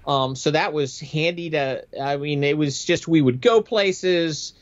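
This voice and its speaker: This middle-aged American ex-military aviator speaks on the high side at a measured pace, captured in dull-sounding audio. Appearing as a guest in an interview, he shares his experiences conversationally, in a forceful, matter-of-fact way.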